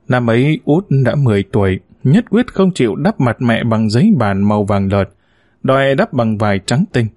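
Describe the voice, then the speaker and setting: A man's voice: medium pitch, no echo, clean studio sound. A man narrating a story expressively, sometimes singing out short verses. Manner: expressive, sings out quoted verses.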